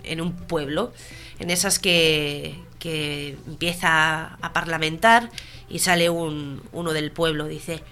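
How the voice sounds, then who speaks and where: A woman telling jokes on a radio humor show, acting out the characters. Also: lowish voice. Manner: lively joke telling with acted voices. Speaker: radio comedy co-host.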